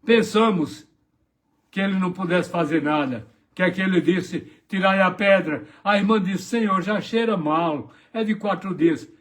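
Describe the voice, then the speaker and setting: Speaking at normal speed in a high voice, a man delivers a morning devotional sermon as a pastor. He dramatizes scenes from the gospels and performs the voices of their characters.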